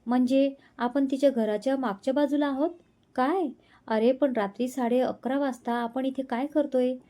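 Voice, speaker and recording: A man's voice: very high-pitched, fairly even intonation, moderate pace, dark tone. A woman voicing a fed-up young man, the hero's best friend, pestering him with bewildered questions. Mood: exasperated. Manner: irritated, bewildered.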